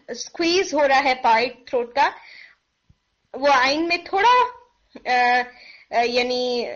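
A woman with a high, bright voice teaches pronunciation, drawing out each sound to demonstrate it. She has a sore throat and keeps clearing it. The recording is dull and lo-fi. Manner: demonstrates sounds by voicing them slowly; mixes English phrases into Hindi-Urdu. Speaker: teacher of Quranic recitation. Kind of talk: pronunciation lesson.

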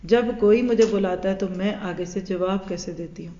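A middle-aged woman teaches a hadith lesson, slipping into playful voices to act out everyday scenes. Her voice carries a long echo, as if recorded in a large hall. The sound is dull and lo-fi. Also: medium pitch. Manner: animated, acts out everyday dialogue in voices. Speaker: religious teacher. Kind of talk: hadith lecture.

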